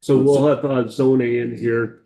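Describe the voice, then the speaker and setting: A man's voice: medium pitch, steady tone, normal speed, warm tone. A man who sits on a committee, putting informal, direct questions during a hearing. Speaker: committee member questioning witnesses. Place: legislative committee room.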